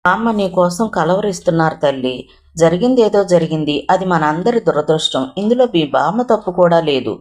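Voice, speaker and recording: A woman voicing a gentle, middle-aged mother who pleads softly with her daughter. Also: lowish voice, expressive, normal speed, lightly acted. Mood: pleading. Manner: soft, pleading.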